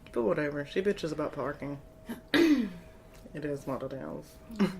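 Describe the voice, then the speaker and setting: A woman's voice: deep voice, takes it slowly, gravelly, a little mellow, a little hiss or hum. A woman co-hosting a podcast, chatting casually with crude jokes and frequent laughter. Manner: giggly, joking, crude banter. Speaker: podcast co-host. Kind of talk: casual chat.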